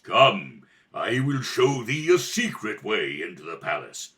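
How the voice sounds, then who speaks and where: A man's voice: on the low side, big pitch swings, measured pace, a bit bright, voice pushed down, heavily acted. A man voicing a proud, noble warrior prince in a radio space serial, with formal, archaic speech. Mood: stately, friendly. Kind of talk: old-time adventure radio serial acting.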